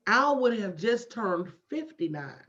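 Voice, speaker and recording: Her mid-range voice is very animated and a bit bright, though she speaks a little slowly. She's a woman in her late 40s, a motivational business coach on a livestream, driving points home to her online audience with emphatic, preacher-like repetition and folksy direct address, heard through dull lo-fi audio.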